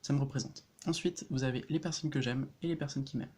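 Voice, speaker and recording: A man's voice: mid-range voice, steady tone, quick pace, darkish tone. Hesitant man chatting on a vlog. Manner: hesitant, many fillers and restarts, chuckles often. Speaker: energy practitioner. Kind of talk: casual vlog explaining a homemade rune deck.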